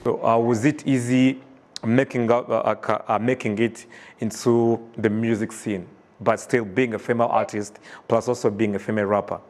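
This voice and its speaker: A man's voice: medium pitch, level tone, normal speed, a little mellow. A man hosting a TV entertainment show, asking informal questions with frequent hesitant fillers. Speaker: TV show host interviewing a guest. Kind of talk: casual interview questions.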